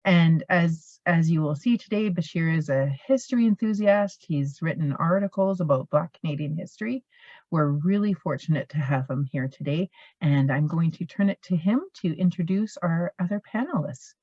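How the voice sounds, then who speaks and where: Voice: mid-range voice, normal speed, a little mellow, dry recording. A host reading out an introduction of the moderator, with small slips and self-corrections. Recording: dull, dry lo-fi audio.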